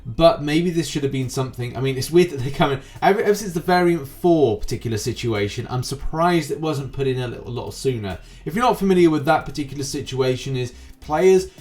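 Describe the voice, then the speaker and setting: Over background music, a YouTube gaming news presenter delivers semi-scripted, long-winded commentary. His medium-pitched, darkish voice is expressive and a little fast, with few pauses.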